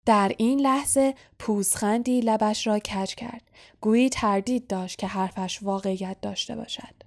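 Woman narrating an audiobook in a hushed voice. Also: medium pitch, fairly even intonation. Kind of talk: audiobook reading.

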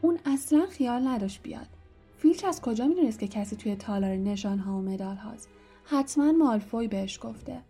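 A woman's voice: a little high, animated, dark tone, slightly rough, faint music behind. A woman voicing a clever, bossy schoolgirl who scolds her friends. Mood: scolding. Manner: scolding, reproachful.

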